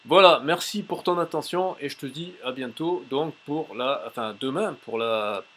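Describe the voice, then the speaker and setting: A man teaching a language tips lesson in a casual, chatty way, pausing often with fillers as he shows a website on screen. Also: mid-range voice, a bit bright, slight background noise. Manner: chatty, many "euh" fillers and restarts. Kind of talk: casual tutorial with screen demo.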